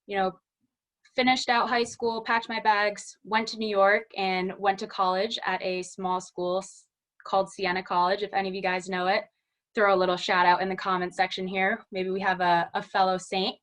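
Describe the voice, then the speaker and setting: A woman's voice: mid-range voice, little pitch movement, normal speed, a bit bright. A woman, giving a chatty, upbeat webinar presentation over a video call. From Western Massachusetts. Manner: chatty and upbeat, many "you know"s. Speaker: guest speaker, small business specialist.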